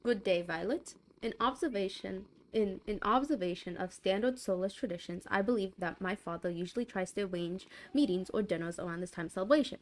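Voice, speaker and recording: A woman voicing a young male prince with a deep, suave, formal manner, reading out a letter. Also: brisk, hardly any pauses, natural voice.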